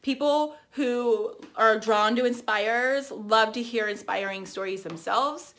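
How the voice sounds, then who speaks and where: Chatty higher-voiced woman giving a training. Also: slow. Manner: chatty, energetic, lots of fillers and restarts. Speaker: team trainer. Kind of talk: casual training talk to camera.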